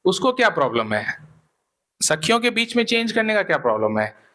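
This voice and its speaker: Man putting on a teasing young goddess voice, high and coaxing, playful. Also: sing-song, a little fast, pushed and bright, full character voice. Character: teasing young divine woman, playful and mischievous.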